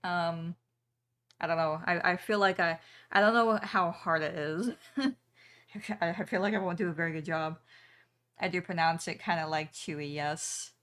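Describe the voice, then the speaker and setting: A woman's voice: lowish voice, moderate pace, fairly bright tone, smooth. A young woman streamer chatting casually with her viewers while she draws, with frequent ums and small laughs. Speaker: streamer and artist.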